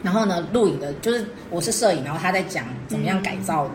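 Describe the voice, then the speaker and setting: A young woman telling animated stories as a guest, laughing often as she talks. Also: on the low side, fast, reverberant, noisy background. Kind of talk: casual chat.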